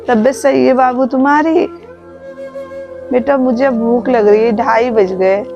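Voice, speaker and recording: A woman playing an elderly mother-in-law in a home-made family drama, speaking softly and patiently. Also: fairly high pitch, steady tone, unhurried, lo-fi sound. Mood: gentle. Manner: soft, patient, pleading. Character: elderly mother-in-law, gentle and long-suffering. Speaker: actor in a family drama skit. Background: background music.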